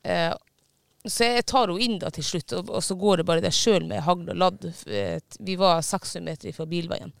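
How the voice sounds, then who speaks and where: A man with a high voice chats casually, swearing now and then and stopping on fillers as he tells his story. His tone is clear and smooth but has a gravelly fry underneath. The sound is dry and close. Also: steady tone, fairly bright tone, dry recording. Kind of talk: casual chat.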